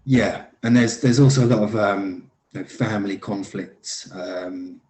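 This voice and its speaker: Speaking at a measured pace in a lowish, slightly mellow voice, an actor discusses his lead roles in a relaxed interview, laughing readily amid fillers and restarts. The room is echoey, with slight background noise.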